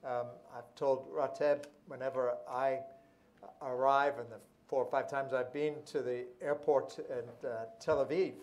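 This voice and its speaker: A man born in Malaysia speaks as a pastor on a conference panel. His voice is mid-pitched, and he talks in a measured, reflective way, often restarting his phrases. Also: fairly even intonation, a little mellow. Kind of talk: panel discussion remarks.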